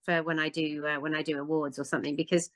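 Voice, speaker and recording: A woman's voice: sits low, level tone, fast, a bit bright, no room sound. A woman in her fifties with an English accent, chatting as an interview guest, full of fillers and restarts. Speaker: guest actress. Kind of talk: casual interview chat.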